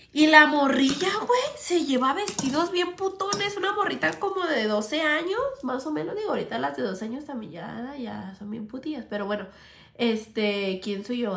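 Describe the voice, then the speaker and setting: Young woman, Mexican accent, casual crude chat, swears a lot, bright tone. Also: fairly high pitch. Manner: crude, slangy, swears freely, addresses viewers as sisters. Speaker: vlogger. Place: indoor set.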